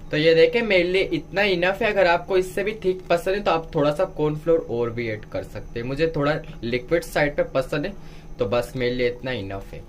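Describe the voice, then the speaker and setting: This man speaks with a fairly high pitch at a fairly quick pace, with a little hiss or hum in the background. He's a home cook presenting a recipe, walking viewers through it step by step and addressing them directly.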